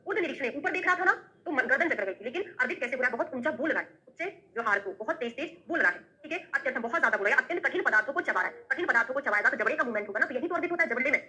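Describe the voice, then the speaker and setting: Woman teacher, brisk classroom lecturer, slightly high and crisp, constant tag questions. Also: animated, bright, forceful tone, low-quality recording. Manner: rapid, explains with questions and Sanskrit verses; frequent tag questions like "hai na". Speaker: Ayurveda teacher.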